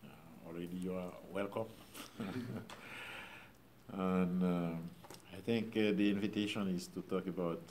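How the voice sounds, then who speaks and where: A middle-aged Haitian pastor with a Haitian accent, speaking informally to a church group in a halting way, with many pauses and fillers. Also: male voice, low voice, steady tone, darkish tone, slight background noise.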